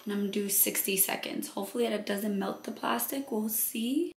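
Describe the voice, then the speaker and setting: A woman hosting a craft video, explaining each step in a relaxed, thinking-aloud way and a bit out of breath. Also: mid-range voice, a little fast, a little hiss or hum. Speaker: crafting channel host. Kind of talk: casual how-to narration.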